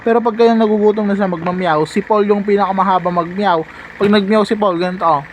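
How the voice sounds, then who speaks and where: Playful high-voiced young man doting on cats. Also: steady tone, fast talker, noisy background. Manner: playful, doting, talks to his cats with sudden squealing exclamations. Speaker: vlogger. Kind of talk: casual vlog talk to camera.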